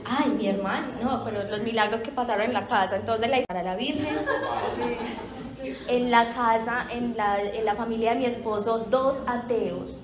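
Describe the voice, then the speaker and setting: A woman giving an emotional personal testimony at a Bible study group. She speaks into a handheld mic, halting and repeating phrases, with many fillers. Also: on the high side, crowd noise. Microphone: handheld microphone. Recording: roomy hall with faint background noise.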